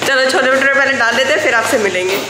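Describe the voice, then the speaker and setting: A woman's voice: high-pitched, racing, background noise. A young woman chatting casually as she vlogs at home with her partner. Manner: chatty, cooing baby talk to the pet. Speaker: vlogger. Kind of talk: casual home vlog chat. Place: home kitchen, indoors. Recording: echoey home room with loud background music.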